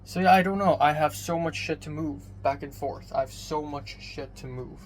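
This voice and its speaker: A young man rambling through a casual personal vlog, swearing casually, his voice thin with no bass on a phone microphone. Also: normal speed. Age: young adult. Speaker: vlogger. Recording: thin bassless phone mic, background noise.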